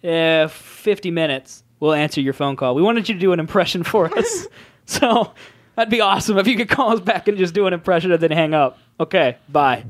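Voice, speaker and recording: A man's voice: sits high, animated, fairly quick, no room sound. Guy hosting a chill podcast, jokey and rambly, voice jumps around a lot, dry sound. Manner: joking, rambling, laughs often. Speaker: podcast host. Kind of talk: casual chat.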